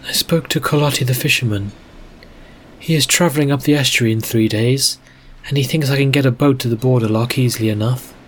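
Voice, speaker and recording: A man voicing a young woman apprentice mage, earnest and nervous, speaking in a halting, hesitant way. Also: medium pitch, pitched above the performer's own voice, natural voice. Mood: resolute.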